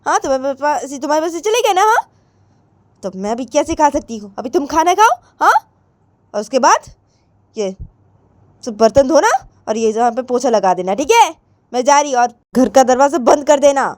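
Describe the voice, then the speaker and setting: A woman's voice: sits high, big pitch swings, normal speed, no echo, pitched above the performer's own voice. A woman doing a bossy, nagging mother. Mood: bossing. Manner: nagging, ordering, repeats threats. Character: bossy scolding middle-aged mother.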